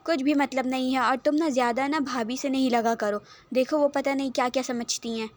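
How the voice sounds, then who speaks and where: A woman's voice: high-pitched, fairly even intonation, close to an everyday voice. A woman voicing a flustered young woman who scolds in an exasperated way.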